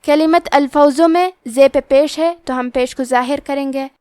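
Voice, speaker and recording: High-voiced woman teaching Quran recitation. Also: fairly even intonation, darkish tone, no echo. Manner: explains rules step by step, then recites words slowly. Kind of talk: tajweed lesson with slow recitation.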